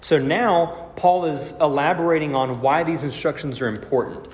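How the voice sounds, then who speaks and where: In a slightly dull, echoey recording from a large hall, a pastor teaches the Bible to his congregation step by step, explaining as he goes and asking rhetorical questions. He's over a cold, mostly. His voice sits on the high side at a moderate pace.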